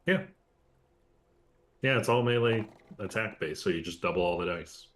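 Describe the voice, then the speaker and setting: A man's voice: fairly low pitch, animated, normal speed, fairly bright tone. A man running a tabletop game as game master, explaining rules and narrating plainly.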